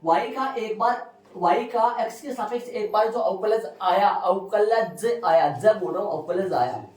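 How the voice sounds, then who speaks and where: A man's voice: high-pitched, unhurried, darkish tone, far from the mic. A male maths teacher giving a classroom lecture, repeating key phrases and quizzing his students. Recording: roomy, from afar, faint music.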